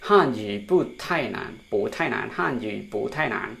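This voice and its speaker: A man with a Lao accent teaching a recorded pinyin lesson, slowly repeating syllables for learners. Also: lowish voice, expressive, creaky, fairly bright tone, slight background noise. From Laos. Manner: drills syllables slowly by repetition. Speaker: Chinese language teacher.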